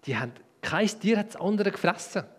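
Lively Swiss German Bible storyteller. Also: male voice, high-pitched, fairly quick, husky, big-room sound. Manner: lively, asks children questions. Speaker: children's Bible teacher.

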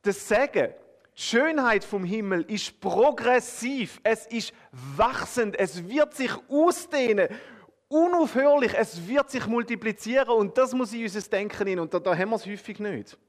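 A man with a Swiss German accent preaching a sermon, talking straight to his listeners and swinging between emphatic, rising phrases and hushed, drawn-out ones. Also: high voice, lively intonation. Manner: addresses listeners directly with a conversational "oder?".

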